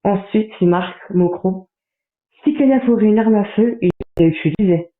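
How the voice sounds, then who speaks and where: A man on a livestream, reading out chat messages in a running commentary with quick asides. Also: high-pitched. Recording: tinny phone-like sound in a roomy space.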